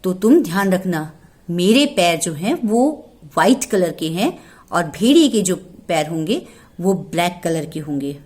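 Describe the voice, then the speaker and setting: A woman voicing a caring, protective mother goat in a told folk tale, calling out loudly and urgently. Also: sing-song, a little slow. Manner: loud, high, urgent calling.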